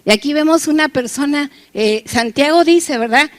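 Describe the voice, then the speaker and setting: Casting: woman lay preacher, higher voice, chatty sermon that keeps checking in with the room. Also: moderate pace. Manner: engages the congregation with constant "right?" and "yes?" check-ins; conversational and joking between scripture points.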